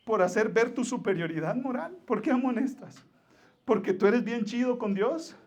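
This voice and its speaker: A Mexican pastor preaching in a church, his high voice pleading with the congregation. He drops to near-whispers and then builds to forceful appeals. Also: expressive, moderate pace, dull audio. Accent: Mexican Spanish. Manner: pleading, swings from hushed to forceful. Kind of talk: sermon.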